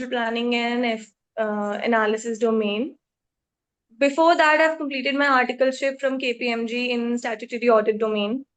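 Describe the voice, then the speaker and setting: A young woman with an Indian accent and a notably high voice. She speaks as an interview guest, laying out her own experience in an articulate, self-assured manner. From Jaipur, India. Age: 20s. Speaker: podcast guest, accountancy trainee. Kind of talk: interview answers about career.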